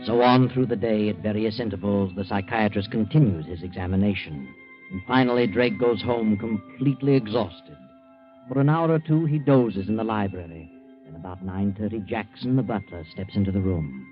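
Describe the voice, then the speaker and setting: A man narrating a 1940s radio drama in a measured, ominous storytelling way, heard through an old AM radio broadcast. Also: on the low side, muffled recording, faint music behind. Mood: grave. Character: grave male radio narrator. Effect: old AM radio broadcast sound.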